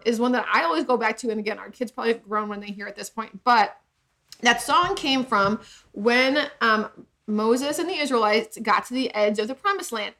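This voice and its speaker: A woman's voice: a little high, fairly bright tone. A woman co-hosting a podcast, casually retelling a story and acting out the voices of its people. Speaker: podcast co-host. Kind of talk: casual chat.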